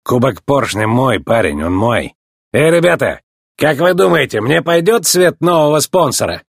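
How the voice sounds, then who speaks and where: A man's voice: mid-range voice, very animated, moderate pace, vocal fry, breathy edge, no echo, studio quality, exaggerated voice. A man voicing a boastful, smug male rival race car in a storybook reading, taunting as he talks.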